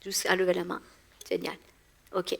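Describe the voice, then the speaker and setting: A woman from Iran in her forties preaching a sermon in a church to a women's gathering, animated, laughing often and repeating words as she goes. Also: lowish voice, normal speed, gravelly, breathy edge. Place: church hall.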